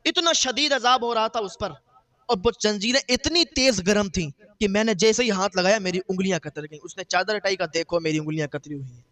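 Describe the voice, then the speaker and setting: A man delivers a sermon as a story, his high voice climbing in dramatic, emotional bursts. He voices the people of the tale as he goes. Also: a bit bright. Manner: dramatic, quoting characters in rising emotional bursts. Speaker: preacher.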